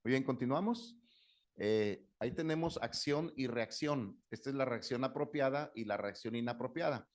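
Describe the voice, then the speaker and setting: This middle-aged psychologist speaks at a medium pitch and moderate pace while giving an anecdote-filled talk on anger. The tone is conversational; he performs the dialogue he quotes and often asks "¿no?" to check in with listeners.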